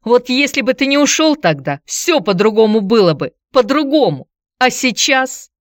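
A woman reading a story, voicing a worn-out, drunken ex-wife who pleads and shouts tearfully. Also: lively intonation, normal speed, no room sound, studio quality, natural voice. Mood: shrill pleading. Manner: shrill, pleading, tearful outbursts.

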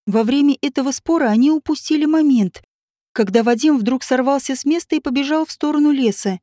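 A woman narrating an audiobook in a steady, even reading voice. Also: sits high, a little fast, no room sound, studio quality. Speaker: audiobook reader. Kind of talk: scripted narration.

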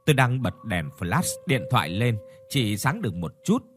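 A man reading a first-person ghost story aloud, in a slow, suspenseful way. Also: mid-range voice, very animated. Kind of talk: scripted ghost story narration.

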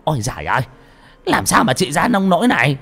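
A man voicing a gruff, blunt middle-aged village sorcerer who scolds and schemes, with faint music behind. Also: a little high, very animated, quick pace, a bit bright, pitched above the performer's own voice, full character voice. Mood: angry scolding.

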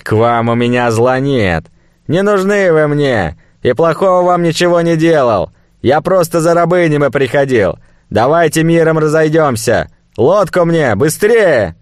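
A man's voice: no echo, clean studio sound. A man voicing a fat, panicky male slave trader who screeches threats while holding a hostage. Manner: shrill, screeching, frantic.

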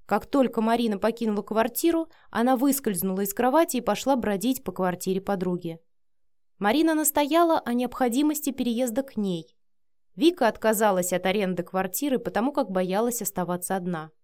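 A woman narrating a romance novel in a steady, expressive reading voice. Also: fairly high pitch, fairly quick.

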